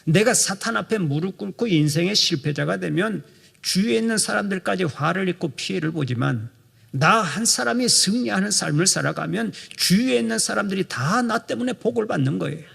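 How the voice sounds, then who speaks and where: Exhorting male pastor, husky and raspy, long church-hall reverb. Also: sits high, animated, fairly quick, fairly bright tone. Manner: emphatic, exhorting preaching with acted quotes. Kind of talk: sermon. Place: church sanctuary.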